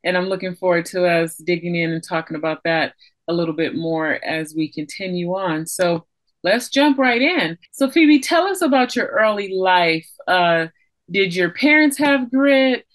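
Encouraging woman podcast host, low voice. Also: expressive, moderate pace. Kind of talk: scripted intro, then interview questions.

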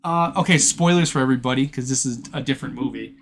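A man's voice: medium pitch, fast. A man co-hosting a casual podcast, giving a loose, profane recap of a film's plot. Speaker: podcast co-host. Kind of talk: casual chat.

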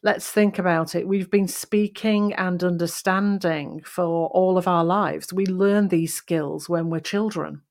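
A woman hosting a voice-coaching podcast, speaking deliberately and demonstrating emphasis and changes of pace. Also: fairly low pitch, fairly even intonation, a little mellow. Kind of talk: instructional podcast talk.

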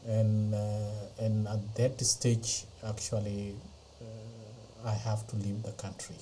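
Middle-aged Ethiopian-born man, non-native English speaker, measured testimony with frequent fillers, warm dark voice, slight hiss behind. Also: fairly low pitch, monotone, low-quality recording. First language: not English. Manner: hesitant, many pauses and fillers. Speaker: interview guest. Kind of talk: slow personal testimony. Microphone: podcast interview mic.

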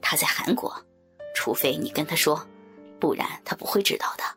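A woman voicing a flustered young man who murmurs apologies in a low, half-whispered voice. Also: lively intonation, moderate pace, sharp tone, soft background music, full character voice. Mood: coaxing.

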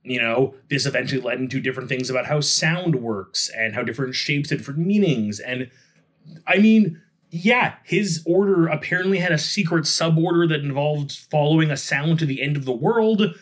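A man co-hosting a podcast in casual chat, relaxed and making joking asides. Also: a little high, normal speed. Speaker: podcast co-host.

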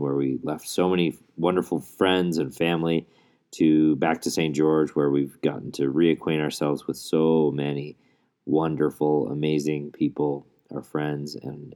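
A man's voice: very deep voice, mellow. A man hosting a podcast in a casual, conversational solo monologue, recorded under a blanket in a closet at home. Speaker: podcast host. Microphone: makeshift setup without usual recording gear.

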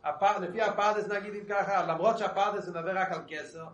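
A man's voice: high-pitched, steady tone, a bit bright, far from the mic, muffled recording. Man teaching text in an echoey room. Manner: halting, repeats words and restarts, asks and answers rhetorical questions. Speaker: Torah teacher.

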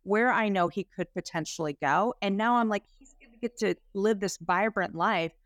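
A woman's voice: medium pitch, normal speed, no echo, studio quality. A woman health practitioner, a guest on a podcast interview, telling stories about her clients with enthusiasm.

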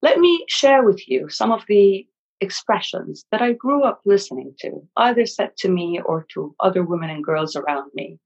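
Distant gravelly woman sharing memories. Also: on the low side, expressive, moderate pace, darkish tone. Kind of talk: recorded personal testimony. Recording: dull, distant, lo-fi recording.

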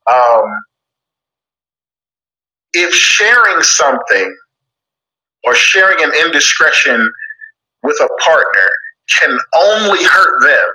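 Man, host, very bright voice, quick joking chat. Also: on the high side, big pitch swings, low-quality recording. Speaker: podcast host. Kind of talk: casual chat.

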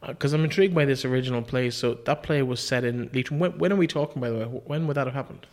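Male, Irish accent, medium pitch, podcast host, conversational interviewing style. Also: quick pace, a little mellow.

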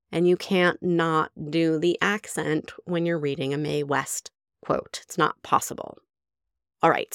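A woman's voice: sits low, dry recording, studio quality. A woman hosting a podcast in a chatty, enthusiastic monologue, frank and given to casual swearing. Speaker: podcast host.

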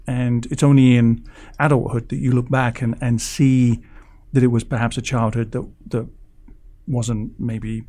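A male host guides the conversation with soft, careful questions. His voice is middle-pitched with a warm, mellow tone. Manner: gentle, probing questions. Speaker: interview host. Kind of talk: interview questions.

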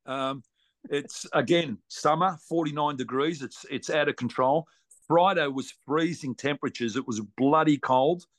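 A man's voice: on the high side, normal speed, a bit bright, dry recording. An Australian man chatting casually as a racing driver being interviewed, blunt and joking, with plenty of slang. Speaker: racing driver, podcast guest.

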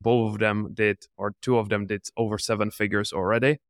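A man's voice: on the low side, flat delivery, fairly quick, no echo, clean studio sound. A man in his twenties from the Czech Republic, an entrepreneur answering interview questions in an earnest, motivational way. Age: 20s. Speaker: podcast guest, entrepreneur.

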